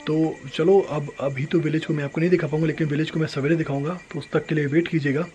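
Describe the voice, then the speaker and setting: A young man, a travel vlogger, excitedly showing off a homestay room at night and slipping English phrases into his talk. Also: on the high side, fast talker, faint music behind, low-quality recording. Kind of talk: casual vlog walkthrough.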